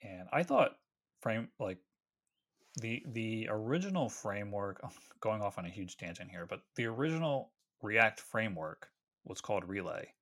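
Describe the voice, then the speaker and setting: A man's voice: on the low side, lively intonation, moderate pace, fairly bright tone. A man co-hosting a casual tech podcast, explaining things at length and correcting himself as he goes. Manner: rambling, self-correcting explanations. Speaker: podcast co-host.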